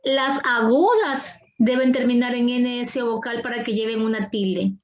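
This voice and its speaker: A woman's voice: on the high side, normal speed, lo-fi sound. A woman teaching an online class, patient and coaxing, repeating her questions to the students over a video call.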